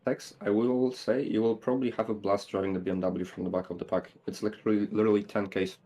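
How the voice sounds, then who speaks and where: A man with a very low, flat voice explains his qualifying mistakes to his fellow drivers. He talks in long run-on sentences, steady and even throughout. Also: quick pace. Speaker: sim racing league driver. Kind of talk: casual voice chat before a sim race.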